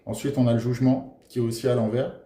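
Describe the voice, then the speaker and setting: A man giving a casual tarot reading to his viewers, gentle and encouraging, pausing often with filler sounds. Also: mid-range voice, steady tone. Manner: hesitant, full of filler pauses. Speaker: tarot card reader. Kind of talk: casual tarot guidance monologue. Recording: roomy echoey room.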